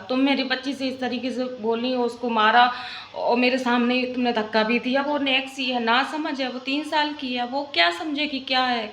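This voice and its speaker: A woman's voice: sits high, a bit bright. A young woman in a casual vlog, venting at length in a rambling, aggrieved way and often tagging questions at the listener. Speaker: vlogger, mother. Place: rented room at home. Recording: echoey room, faint background noise.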